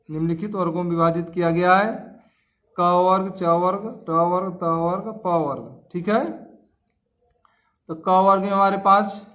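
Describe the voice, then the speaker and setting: Male schoolteacher, high voice, drills terms, asks the class questions. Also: fairly bright tone. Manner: repeats key terms, quizzes students with questions. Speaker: teacher. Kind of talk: classroom grammar lesson.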